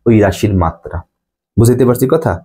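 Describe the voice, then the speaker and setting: A man's voice: medium pitch, expressive, a little fast, warm tone, husky. A young man teaching a physics lesson, repeating key points and checking that students follow. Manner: repetitive, asks students check questions. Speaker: physics tutor. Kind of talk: classroom lecture.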